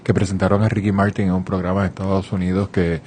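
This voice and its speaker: A man's voice: sits low, level tone, quick pace, a little mellow, slight background noise. A man hosting a radio interview, asking thoughtful, hesitant questions. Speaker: radio host.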